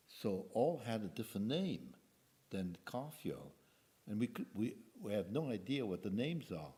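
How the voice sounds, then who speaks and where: An older man with a deep, low voice gives a talk at a commemoration as a guest speaker. His tone is dark and mellow. He speaks haltingly, repeating words and restarting his sentences as he goes. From Belgium.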